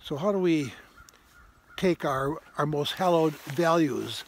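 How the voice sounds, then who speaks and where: An older man with a higher-pitched voice, a retired parish priest turned vlogger, gives a reflective, informal sermon to camera while walking a grassy woodland trail. His delivery is thoughtful and halting, with emphatic phrases repeated. He holds a phone at arm's length, and there's a little hiss or hum.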